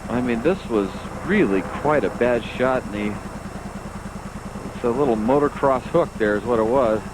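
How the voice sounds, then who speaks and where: A man's voice: mid-range voice, moderate pace. A man giving golf commentary as an analyst, conversational and blunt. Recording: clear outdoor background noise.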